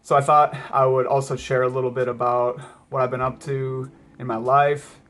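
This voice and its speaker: A man talking casually as a running vlogger, reflective and hesitant, often pausing mid-thought. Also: mid-range voice, little pitch movement, a bit bright. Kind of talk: casual vlog talk to camera.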